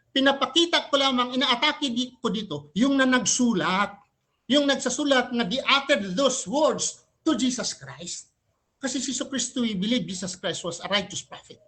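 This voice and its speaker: A man's voice: extremely high pitch, bright, forceful tone. A man arguing his side in a religious debate. He speaks emphatically, switches between two languages and keeps throwing in rhetorical questions. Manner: switches between Tagalog and English mid-sentence. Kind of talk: live religious debate argument.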